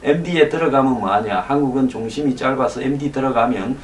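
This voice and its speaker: A man's voice: mid-range voice, a little fast. A man giving emphatic political commentary in short phrases, his diction slightly slurred by lingering dental anesthesia. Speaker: commentator hosting a security talk. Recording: echoey room, distant mic, faint noise.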